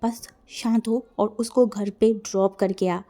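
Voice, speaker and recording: Woman voicing a stern young man, commanding, mellow voice, storybook. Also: medium pitch, fairly even intonation, a little slow, natural voice. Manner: commanding, firm.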